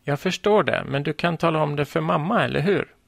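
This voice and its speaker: Storybook mother, stern but fond, raised and loud, read by a man. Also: a little high, gravelly, no room sound, clean studio sound, pitched above the performer's own voice. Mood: amused. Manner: scolding, coaxing, then amused. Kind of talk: storybook reading.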